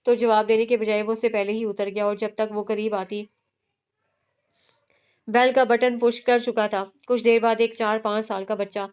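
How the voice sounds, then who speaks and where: Lady narrating a romance novel, smooth resonant voice. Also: on the high side. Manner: steady storytelling. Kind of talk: novel reading.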